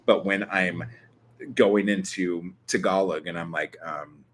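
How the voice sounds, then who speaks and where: Answering viewers' questions on his vlog, the young SoCal host speaks low and unhurried with a steady, fairly bright tone. He rambles casually with plenty of ums, likes and occasional cursing, and there's slight background noise.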